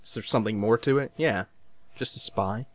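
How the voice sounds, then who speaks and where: A man's voice: on the low side, brisk. A man giving casual, wry let's-play commentary on an adventure game, swearing freely. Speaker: gaming commentator.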